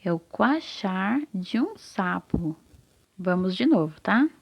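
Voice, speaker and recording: A Brazilian woman teaching young children to read, with a slightly gravelly edge to her voice. She moves at an unhurried pace and drags out each syllable. She often stops to check that the child is still with her. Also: medium pitch, very animated. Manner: slow, deliberate, stretches out syllables and checks in often. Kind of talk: recorded literacy lesson for young children.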